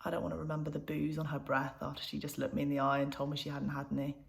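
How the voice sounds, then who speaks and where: A young woman, an actor, performs a monologue she wrote herself, playing a troubled granddaughter confiding in her mother in an intimate, conversational way. The mood is sad and subdued, and her low, creaky voice comes out flat and racing.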